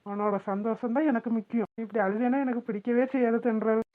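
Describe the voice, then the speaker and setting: Doting playful cartoon husband, voiced by a woman, affectionate and coaxing, somewhat high, tinny phone-like sound. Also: fairly even intonation, quick pace, natural voice.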